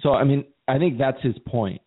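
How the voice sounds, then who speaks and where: Speaking briskly at a medium pitch, a male co-host talks casually, rambling and repeating words as he thinks aloud. His audio sounds tinny, like a phone.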